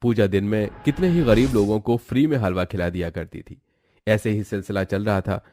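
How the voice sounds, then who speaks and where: A man narrating a cartoon story in a steady, dramatic storytelling manner. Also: on the low side, normal speed, slight background noise.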